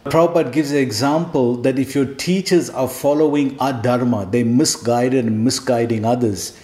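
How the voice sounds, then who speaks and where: A man's voice: mid-range voice, fairly even intonation, normal speed, mellow. Man giving an echoey devotional lecture. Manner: explanatory, asks rhetorical questions, checks in with "hmm?". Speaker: scripture teacher. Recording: echoey room.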